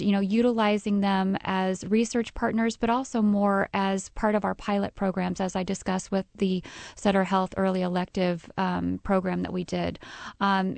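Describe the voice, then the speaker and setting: A woman's voice: mid-range voice, creaky, a little mellow, dry recording. A woman guest giving explanatory interview answers, hesitant and peppered with filler phrases. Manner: hedging, frequent "you know" and "um". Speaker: charity representative, interview guest.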